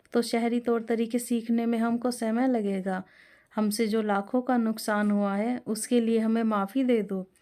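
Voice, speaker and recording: A woman's voice: a little high, close to an everyday voice. A woman doing a jumpy rustic village bride. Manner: loud, excitable exclamations. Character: naive rustic young village daughter-in-law, easily frightened.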